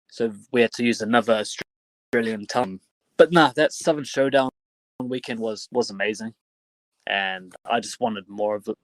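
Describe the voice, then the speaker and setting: A man giving casual interview answers as a professional wrestler, in halting, fragmented phrases with some casual swearing. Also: mid-range voice, no echo, rough recording.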